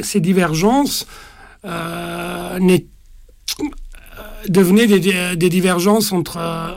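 A man in his forties talks about his writing in a halting way, stopping and restarting his sentences. His voice is a little high and gravelly, and it is recorded close and dry. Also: dry recording. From Italy. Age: 40s. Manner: hesitant, many fillers and restarts. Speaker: author. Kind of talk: interview conversation.

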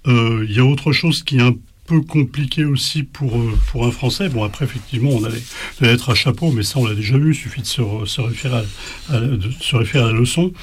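A man's voice: mid-range voice, fast talker, a little hiss or hum. A man teaching an informal spoken language lesson, hesitant, with many fillers and restarts.

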